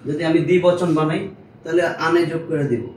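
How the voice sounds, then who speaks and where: A man's voice: on the high side, steady tone, fast talker, darkish tone. A man teaching grammar to a small class, explaining step by step and checking that his students follow. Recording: echoey room, mic at a distance, faint noise.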